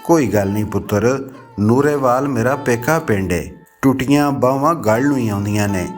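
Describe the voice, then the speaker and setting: A man reading a novel aloud, voicing an elderly, grieving village aunt who speaks quietly and with resignation. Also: mid-range voice, moderate pace, soft background music, close to an everyday voice. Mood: sorrowful.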